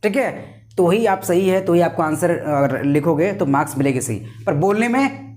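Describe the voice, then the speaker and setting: A man's voice: fairly high pitch, expressive, normal speed, darkish tone. A man teaching an English lesson online, explaining by asking and answering his own questions, with chatty joking asides.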